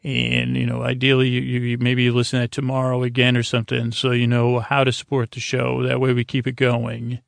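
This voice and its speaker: In a monotone, gravelly and creaky, a man hosts a bedtime podcast, barely varying his pitch as he rambles haltingly to soothe listeners toward sleep. The recording is dry and intimate, with no sense of a room.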